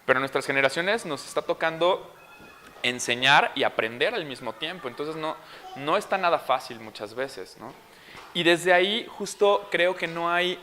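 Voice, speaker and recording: A man's voice: on the high side, slight background noise. A young father with a Mexican accent, telling a story at a parents' school session and acting out the scenes. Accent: Mexican Spanish. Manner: animated, acts out scenes. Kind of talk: storytelling talk.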